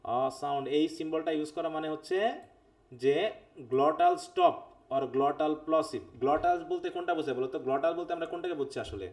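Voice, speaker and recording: A man's voice: fairly high pitch, big pitch swings, a little mellow. Bengali man teaching an English phonetics class. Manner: explains step by step, often checks with students; reads English text aloud slowly. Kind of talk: live online class lecture.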